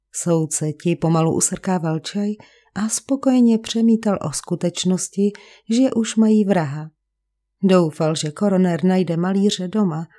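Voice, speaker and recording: A woman reading a detective novel aloud as an audiobook narrator, in a calm, even storytelling manner. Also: fairly low pitch. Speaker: audiobook reader. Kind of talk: scripted narration.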